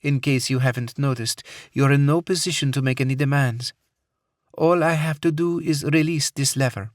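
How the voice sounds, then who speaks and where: Brief: smooth, menacing female terrorist, played by a man, Middle Eastern accent, pitched well up, taunting. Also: normal speed, dry recording, studio quality, lightly acted. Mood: coldly menacing. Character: cold vengeful female terrorist.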